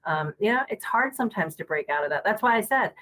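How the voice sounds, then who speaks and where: A woman's voice: medium pitch, expressive, quick pace, a bit bright, poor audio. A middle-aged woman speaking as a podcast guest on school technology, earnest and casual, full of fillers and restarts.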